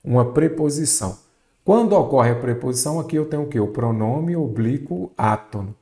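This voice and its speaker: A man's voice: medium pitch, lively intonation, darkish tone. A man teaching Portuguese grammar for an exam, often posing a question and answering it himself and stretching out key words. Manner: drawn-out stress on key words. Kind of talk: exam-prep grammar lesson.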